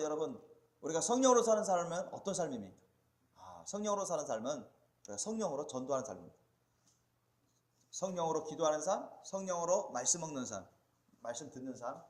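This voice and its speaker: Male pastor, high and very animated delivery, call-and-response sermon, roomy church acoustics. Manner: preaching with call-and-response questions to the congregation; swings between loud emphatic peaks and quiet low asides. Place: church sanctuary. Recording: echoey church sanctuary.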